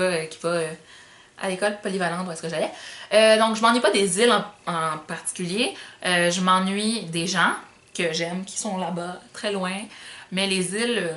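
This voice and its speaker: A woman's voice: fairly low pitch, a bit bright, roomy sound. A young woman from the Magdalen Islands with a light Québécois accent, chatting casually to camera, with lots of fillers and slang. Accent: Magdalen Islands Québécois French, light. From Magdalen Islands, Quebec. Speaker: vlogger.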